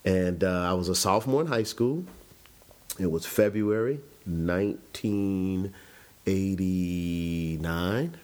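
A man's voice: sits low, slow, a little mellow. A man in his forties from Chicago, reflectively telling his life story in an interview. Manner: reflective, conversational, with frequent restarts.

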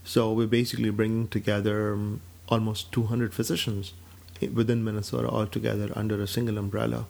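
A man in his forties from Pakistan, a physician and clinic director, talking about his life and work in a measured, steady way with frequent fillers. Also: fairly low pitch, vocal fry. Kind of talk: personal account to camera.

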